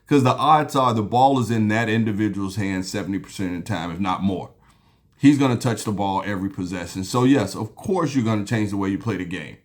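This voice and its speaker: Sipping beer as he talks, a basketball podcast host with a lowish voice speaks a little fast. He rambles about the game on his own in a relaxed way, with plenty of ums and restarts.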